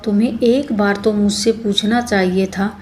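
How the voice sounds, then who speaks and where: A woman's voice: mid-range voice, steady tone, moderate pace, darkish tone, slight background noise, close to an everyday voice. Lady reading the part of a middle-aged husband, earnest and pleading, plain voice. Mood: fond. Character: grieving then loving husband, middle-aged man.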